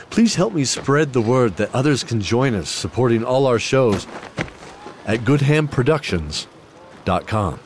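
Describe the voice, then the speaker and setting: Narrating in character as the warm host of a fantasy audio drama, this man's guide sees adventurers on their way with a folksy, theatrical welcome and some hesitant asides. His mid-range voice swings widely in pitch at a measured pace, over music and slight background noise.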